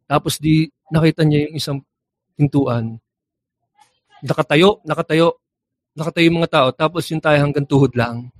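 A man's voice: on the high side, moderate pace, pauses often, dry recording. A young man animatedly telling a joke story, acting out characters with sound effects and laughing at his own punchlines. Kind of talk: casual storytelling.

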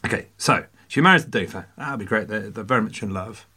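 A man's voice: fairly low pitch, quick pace, bright, forceful tone, breathy edge. An English man hosting a casual history podcast, full of jokey asides and mock French phrases. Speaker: podcast host.

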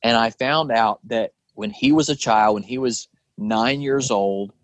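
A man's voice: medium pitch, unhurried, dry recording, poor audio. A man who is a guest and leadership speaker with a preacher's background, talking earnestly in conversational storytelling with rhetorical questions.

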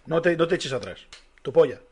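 A man's voice: on the high side, expressive, brisk, a little hiss or hum. A man, trading teasing wisecracks as podcast co-host in front of a live bar audience. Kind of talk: casual banter before a live audience.

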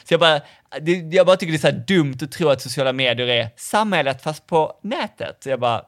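A man's voice: on the high side, animated, dry recording, clean studio sound. A man co-hosting a podcast in casual chat, acting out his own past remarks as he tells stories. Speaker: podcast co-host.

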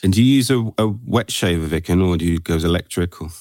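A man's voice: low voice, quick pace, darkish tone, no room sound, clean studio sound. A man hosting a podcast, asking friendly, rambling questions with plenty of fillers. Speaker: podcast host. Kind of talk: casual podcast interview.

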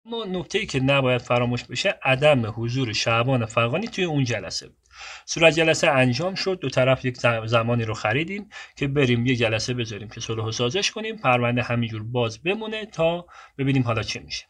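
A man's voice: mid-range voice, lively intonation, fairly bright tone. A man telling a long personal story in a casual, digressive way, often cutting himself off and moving on.

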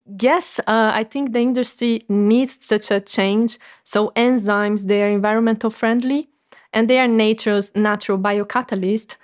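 A woman's voice: a little high, steady tone, unhurried. Earnest woman explaining her research. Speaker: startup founder. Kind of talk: interview answers.

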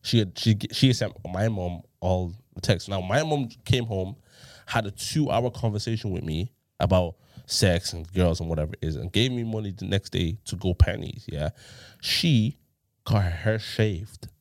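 A man's voice: sits low, normal speed, dry recording, studio quality. A young man chatting casually and telling stories in slangy talk, often repeating phrases and calling people bro. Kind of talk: casual chat, animated storytelling.

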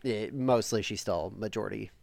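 Man, 30s, casual podcast co-host, lively storyteller, dry close sound. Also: fairly low pitch, moderate pace, gravelly, no echo. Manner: animated storyteller, acts out a toddler's shouting. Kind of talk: casual chat.

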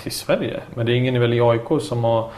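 Talkative former footballer, lively storyteller. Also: male voice, mid-range voice. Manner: talkative, animated storytelling with frequent restarts. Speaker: former professional footballer, youth coach. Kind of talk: casual interview conversation.

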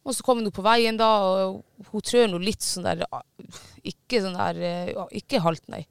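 A man with a high voice chats casually, swearing now and then and stopping on fillers as he tells his story. His tone is clear and smooth but has a gravelly fry underneath. The sound is dry and close. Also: no room sound. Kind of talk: casual chat.

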